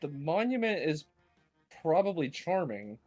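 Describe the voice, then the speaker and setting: A man joking and cursing with his friends during a game. He talks slowly with a lively rise and fall, and the sound is dry and close. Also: fairly high pitch, dry recording, soft background music. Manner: laughing, swearing banter. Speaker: player. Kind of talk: casual gaming chat.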